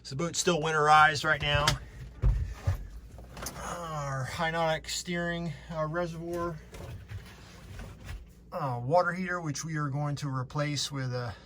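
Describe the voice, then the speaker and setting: A man's voice: on the high side, fairly even intonation, a little slow, pauses often, sharp tone. A man hosting a casual walkthrough vlog, explaining things in an easygoing, somewhat hesitant way. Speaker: boat owner and vlog host. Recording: noisy camera audio, clear background noise.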